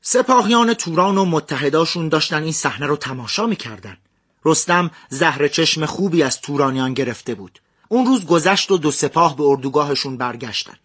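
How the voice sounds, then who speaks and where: Bright-voiced male epic storyteller. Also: a little high, husky. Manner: slow, measured verse recitation between plain narration. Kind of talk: epic storytelling with recited verse.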